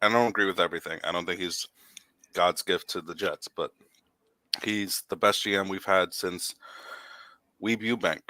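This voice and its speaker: A man with a lowish voice that has a forceful, bright edge. He rambles through his opinions as a podcast host, restarting his sentences often. The sound is dry and close. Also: fairly even intonation, normal speed, pauses often, dry recording. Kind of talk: casual sports chat.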